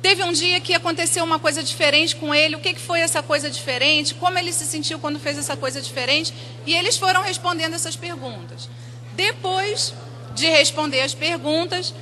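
A woman teacher explaining school activities in a steady, explanatory way. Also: high voice.

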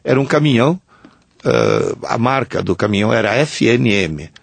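Older man, gravelly and lively. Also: medium pitch, moderate pace, dry recording. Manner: anecdotal storyteller, reads letters aloud. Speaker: co-host answering listener letters. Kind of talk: casual radio chat.

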